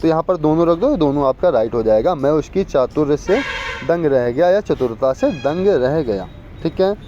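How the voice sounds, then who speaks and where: A man teaching an exam-prep spelling lesson, repeating words and quizzing viewers with quick questions. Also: fairly high pitch, animated, mellow, soft background music. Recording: muffled lo-fi with faint street noise.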